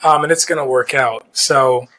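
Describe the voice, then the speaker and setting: A man's voice: mid-range voice, fairly even intonation, normal speed, sharp tone, rough recording. A man hosting a podcast interview, encouraging his guest with frequent "yeah" and "mm-hmm". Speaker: podcast host.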